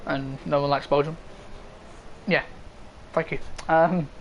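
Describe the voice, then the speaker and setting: A man's voice: on the high side, fairly even intonation, slow. A man calls a sim racing league race live from a home desk mic. He chats loosely between calls, with fillers and asides to the viewers in chat. A faint hiss sits behind his voice. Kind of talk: live esports race commentary.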